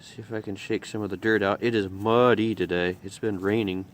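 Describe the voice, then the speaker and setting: A man's voice: fairly low pitch, steady tone, a little fast, slight background noise. A man vlogging his metal detecting finds, chatting casually and thinking aloud as he digs outdoors in a muddy field. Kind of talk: casual outdoor narration while digging.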